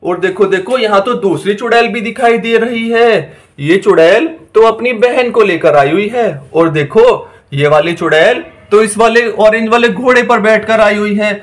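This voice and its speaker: A man's voice: high voice, moderate pace, few pauses. A man narrating a toy-doll story in an eager, exclaiming, repetitive way.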